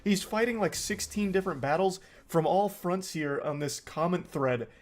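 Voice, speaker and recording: A man's voice: sits high, normal speed. A man reading online comment threads aloud and mocking them sarcastically, swearing freely. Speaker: commentary host.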